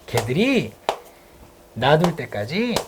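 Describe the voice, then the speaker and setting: A teacher giving a casual grammar lecture in a classroom, explaining things with quick rhetorical questions. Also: medium pitch, very animated, background noise. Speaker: English teacher. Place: classroom with a blackboard.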